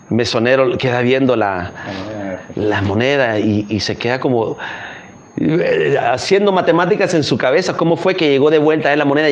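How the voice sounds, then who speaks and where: A man's voice: mid-range voice, lo-fi sound. A man preaching a sermon as a missionary, telling a parable and then pressing its lesson with direct questions. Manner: storytelling, then pressing home the point with questions.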